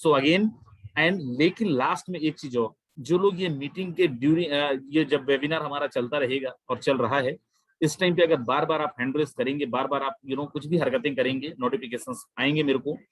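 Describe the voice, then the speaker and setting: A man hosting an online webinar, pitching a plan with emphatic, repetitive persuasive talk that mixes in English phrases. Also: moderate pace, breathy edge, no echo, rough recording. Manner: emphatic, repeats phrases, addresses listeners as my friend. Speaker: webinar host presenting a crypto plan.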